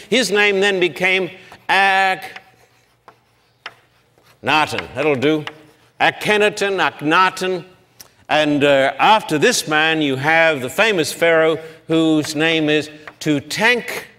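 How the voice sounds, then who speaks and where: A man giving a public Bible lecture at a blackboard, talking slowly and deliberately and sounding out long names syllable by syllable. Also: a little high, sharp tone. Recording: long hall reverb.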